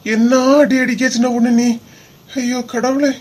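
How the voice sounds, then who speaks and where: A woman's voice: a little high, fairly even intonation, normal speed, lightly acted. A woman with a Kanyakumari Tamil accent voicing a meek, henpecked husband in a cartoon comedy, whining and pleading.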